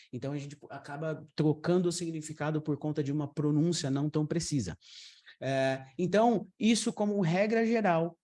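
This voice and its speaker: A man whose first language is Portuguese, teaching an online aviation English lesson in a lively manner and repeating words for drill. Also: fairly high pitch.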